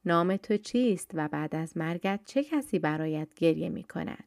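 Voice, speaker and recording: A woman voicing an arrogant, boastful male enemy champion in a told story, read in a low, quiet voice. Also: expressive, vocal fry, no echo, studio quality. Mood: sneering.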